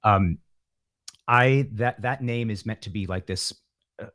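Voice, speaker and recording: A musician from California's San Francisco Bay Area chats casually as an interview guest over a remote call from his home setup, reflective, wordy and rambling. His voice is fairly low, unhurried and a bit bright, and the recording is dry and clean like a studio.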